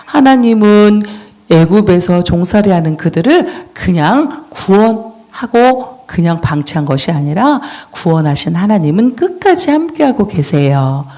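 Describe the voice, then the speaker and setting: Children's preacher, storytelling, questions to kids, lively melody. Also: medium pitch, a little slow. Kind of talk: children's sermon.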